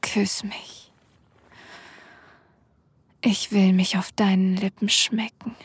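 A woman performing sensual whispered role-play in a breathy, airy voice, speaking intimately and directly to the listener, close to the microphone. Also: medium pitch, little pitch movement, slow, dry recording. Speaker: erotic audio performer. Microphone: close microphone, dry sound.

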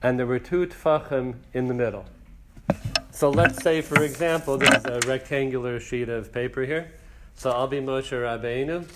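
A man's voice: medium pitch, normal speed, heavy background noise. A man teaching a religious text class, translating phrases and counting lines aloud for his students.

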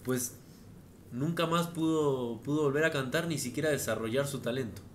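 A man's voice: mid-range voice, normal speed, a little hiss or hum. Conversational man retelling examples. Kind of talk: casual book discussion.

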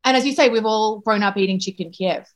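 A foreign correspondent, a woman with a medium-pitched voice, answers interview questions thoughtfully. She often pauses and restarts her sentences.

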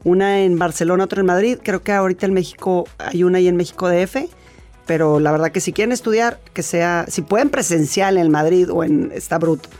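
A woman's voice: fairly low pitch, brisk, a little mellow, faint music behind. A Mexican woman, a laughter therapy expert, telling her story as a guest in a conversational interview, chatty and full of restarts.

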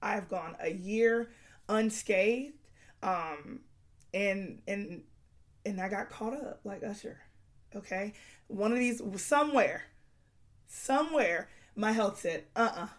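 A woman's voice: medium pitch, slow pace, pauses often. A woman hosting a faith-based podcast in a folksy, chatty, girlfriend-to-girlfriend way, her voice strained as she recovers from illness. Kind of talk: casual conversational faith-based podcast talk.

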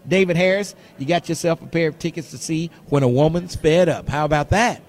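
A man's voice: on the high side, brisk. A man hosting live radio, delivering a contest promo and ticket giveaway, repeating key phrases and numbers for emphasis. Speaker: radio show host. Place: live broadcast booth at a trade show.

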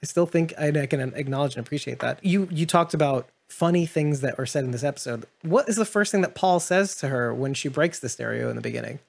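A man's voice: a little high, quick pace, vocal fry, few pauses, a little mellow. Reflective man musing in casual chat. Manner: reflective, musing, with frequent laughs and restarts. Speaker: podcast host. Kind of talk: casual TV discussion.

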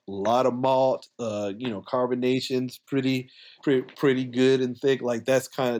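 A man from talks as a podcast guest in a medium-pitched voice. His delivery is casual and colloquial, explaining as he goes with plenty of conversational filler. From coastal South Carolina, US. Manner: conversational, colloquial, frequent "like" and "you know". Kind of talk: casual explanatory interview talk.

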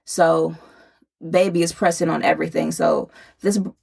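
A woman's voice: low voice, big pitch swings, moderate pace, creaky, a little mellow, breathy edge. A woman in her thirties telling a personal story on a podcast in a candid, conversational way, audibly out of breath from late pregnancy. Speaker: podcast host and novelist.

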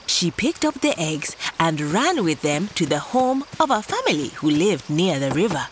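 A woman's voice: lowish voice, very animated, moderate pace, background noise. A woman hosting a children's story show, narrating in a playful way, like an entertainer addressing little listeners.

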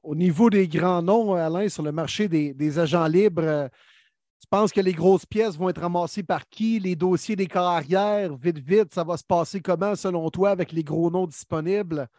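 A man's voice: sits high, normal speed, a little mellow, no room sound, studio quality. A man hosting a sports talk show, putting questions in a conversational style. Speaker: host.

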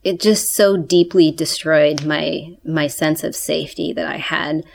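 A woman being interviewed for a documentary whose voice has been disguised to sound deep, speaking in a measured, halting way. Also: fairly even intonation, creaky. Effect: voice disguised, pitched deep.

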